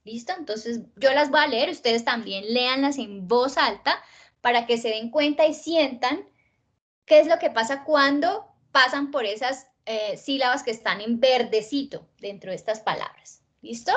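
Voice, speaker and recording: A woman teacher with a Colombian accent giving an online spelling lesson, slowing down to stress words and often checking in with her listeners. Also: a little high. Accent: Colombian Spanish.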